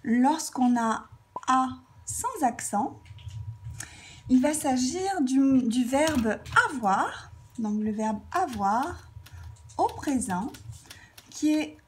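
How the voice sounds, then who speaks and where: A woman teaching a grammar lesson, explaining slowly and carefully while she writes out examples. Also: sits high, lively intonation, a little hiss or hum. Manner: slow, careful dictation, writing while talking.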